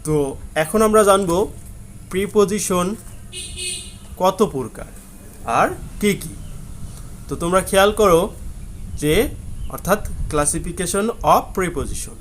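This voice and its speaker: A man with a Bangladeshi accent teaches a grammar lesson in a fairly high voice. He talks slowly and deliberately, drawing out example sentences one word at a time. He asks his own questions and answers them, and he clears his throat often. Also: slight background noise. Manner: frequent throat clearing and "ah" fillers. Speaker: English teacher. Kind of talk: explaining grammar lesson to students.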